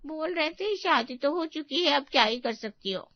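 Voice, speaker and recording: A shrill, sulky young bride in a cartoon story, played by a woman, her high voice snapping into petulant complaints. The sound is dry and dull, like a lo-fi studio take. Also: expressive, normal speed, no room sound. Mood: sulky, angry. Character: sulky young bride, quick-tempered and tearful.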